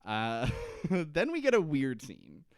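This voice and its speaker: A man co-hosting a podcast in a loose, rambling chat, laughing often and slipping into goofy voices. His voice is smooth and clear, recorded very dry and close with no room sound. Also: mid-range voice, huge pitch swings, slow pace, no room sound. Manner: rambling, giggly, acts out lines in silly voices. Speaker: podcast co-host. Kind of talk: casual chat recapping a TV episode.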